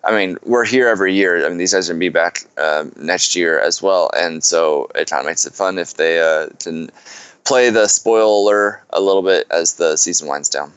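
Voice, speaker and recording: A man with a low, smooth, clear voice co-hosting a casual podcast. He explains things at a measured pace, filling gaps with "you know", and the sound is dry and close. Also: fairly bright tone, dry recording. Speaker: fantasy football podcast co-host.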